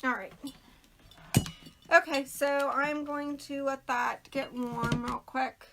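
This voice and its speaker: This craft video host keeps her livestream relaxed, greeting viewers by name as she chats, though her voice is fading and she keeps clearing her throat. It sounds high, pushed, and bright yet somewhat worn and throaty, with a little hiss or hum in the audio.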